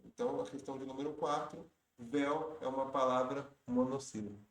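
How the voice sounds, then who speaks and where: A man's voice: mid-range voice, steady tone, brisk. A man teaching Portuguese grammar for exam prep. He works through each question step by step, patiently, and often stops to correct himself. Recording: roomy echo.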